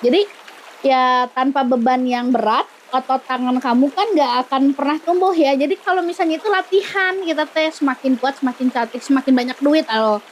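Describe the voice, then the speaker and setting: A woman's voice: sits high, a little fast, slight background noise. A young woman with a Sundanese accent coaching in a casual, playful, giggly way, often breaking into pious exclamations. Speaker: manifestation coach. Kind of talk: casual teaching talk.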